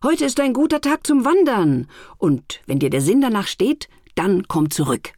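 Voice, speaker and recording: A woman voicing a cheerful, teasing festive day in a storybook, with a loud, jolly delivery and a husky voice. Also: medium pitch, sing-song, moderate pace, no echo, studio quality.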